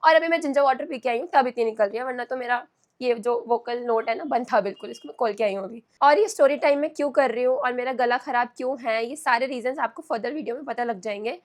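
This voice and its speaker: A woman vlogger with a hoarse voice, talking in a chatty, animated way at home. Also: fairly high pitch, quick pace. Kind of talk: casual storytime vlog. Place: at home, indoors.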